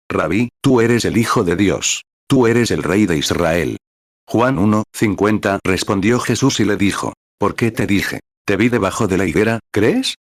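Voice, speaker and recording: A man reading a sermon aloud in a measured, steady way, citing scripture chapter and verse as he goes. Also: fairly low pitch, no room sound, studio quality. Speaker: sermon reader.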